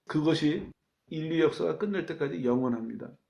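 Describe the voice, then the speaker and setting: A man's voice: on the high side, expressive, a little fast, gravelly, warm tone. A man pastor preaching a sermon, stressing his points with rhetorical questions and repeated key words.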